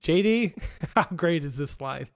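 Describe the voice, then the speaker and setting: A man's voice: fairly high pitch, lively intonation, unhurried. A man hosting a casual podcast, retelling movie scenes and quoting lines with frequent laughs. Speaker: podcast host.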